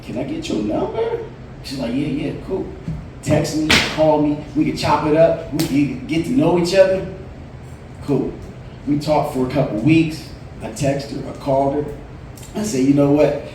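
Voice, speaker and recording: Heard from afar on a bar stage amid a noisy background, this late-forties comic speaks a little high in a sing-song way at moderate speed. He tells relaxed stories with punchlines in a roomy space.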